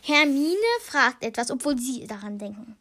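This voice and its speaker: High-voiced woman musing slowly on a book. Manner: thinking aloud with many fillers and restarts; reads short passages aloud, then comments on them. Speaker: podcast host. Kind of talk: casual podcast commentary on a book.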